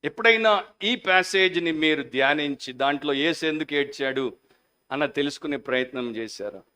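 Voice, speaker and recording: Male pastor, fervent sermon delivery, slightly high voice, smooth and resonant. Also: moderate pace. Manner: fervent preaching, shifting into quiet prayer; mixes English phrases into Telugu.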